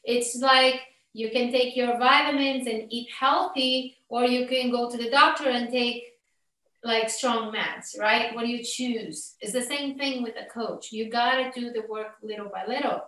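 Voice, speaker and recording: An animated woman coach talks as a podcast guest, slipping into little acted-out scenes. Her voice sits fairly high. She sounds a bit distant from the mic in an echoey room. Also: measured pace. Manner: animated, acts out everyday scenes. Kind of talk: podcast interview.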